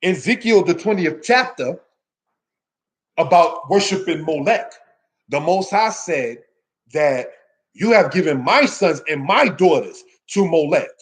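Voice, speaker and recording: Over poor audio, a religious teacher's husky, fairly high voice carries lively intonation at a measured pace. He is giving an informal scripture lesson to a congregation, spurring them on with strong emphasis and rhetorical questions.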